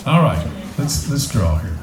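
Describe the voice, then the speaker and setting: A man's voice: mid-range voice, sing-song, measured pace, crowd noise. A man who hosts a radio show emcees a political rally, casual and joking as he runs a prize drawing. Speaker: event emcee and radio host. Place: community hall at a rally. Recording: echoey hall, faint noise.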